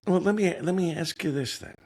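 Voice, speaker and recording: A man's voice: sits high, fairly quick. A man hosting a casual podcast interview, welcoming his guest and asking questions in an easygoing, conversational way. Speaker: podcast host.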